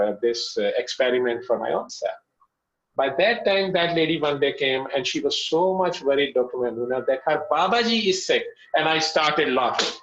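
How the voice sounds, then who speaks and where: A middle-aged man with a Pakistani accent telling a personal story as an interview guest, in halting phrases with repetitions. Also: medium pitch, a bit bright, dull audio.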